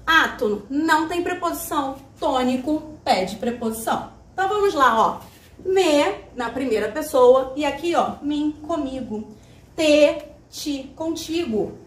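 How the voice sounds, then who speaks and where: A woman's voice: high-pitched, expressive, a little slow, recorded from a distance. A Brazilian woman teacher giving a chatty, emphatic grammar lesson at a whiteboard, putting questions to herself and answering them. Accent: Brazilian Portuguese. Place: classroom with a whiteboard. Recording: roomy, mic set back.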